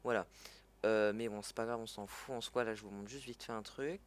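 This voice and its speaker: Brisk and fairly even in intonation, this man's lowish voice carries a casual French gameplay tutorial. He's a chatty creator who frequently corrects himself and fills gaps with filler words.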